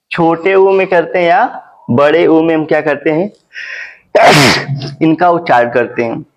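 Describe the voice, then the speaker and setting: A male teacher giving a phonics lesson, repeating words slowly and asking questions to the class. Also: high-pitched, highs cut off. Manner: slow, repetitive, drawn-out teaching.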